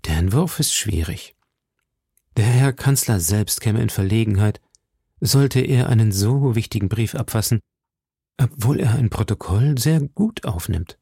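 A man reading as a soft-spoken refined musketeer. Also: fairly low pitch, expressive, husky, no room sound, studio quality, full character voice. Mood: measured. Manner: soft, measured.

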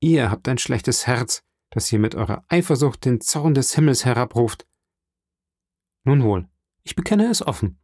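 A proud, steadfast young fisher girl, as a male audiobook reader puts her on in a lifted, earnest voice. She speaks with firm conviction, refusing calmly but without yielding. The sound is dry and close, with no room around it. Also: a little slow, dry recording. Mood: earnest, pleading. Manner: raised pitch, earnest pleading tone. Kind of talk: audiobook reading.

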